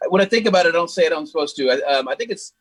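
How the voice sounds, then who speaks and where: A man's voice: a little high, expressive, racing, a little hiss or hum. A man co-hosting a morning radio show, dropping short wry quips and hesitating with fillers. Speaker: radio co-host. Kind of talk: casual morning radio chat.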